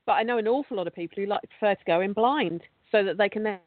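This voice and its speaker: A woman's voice: mid-range voice, racing, no room sound. A chatty woman tells a ghost-hunting story in loose, rambling sentences, often restarting mid-phrase. Her voice comes through a dry, tinny, phone-like call line with no room sound at all. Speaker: guest, paranormal investigator and podcast host. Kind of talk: casual conversational storytelling.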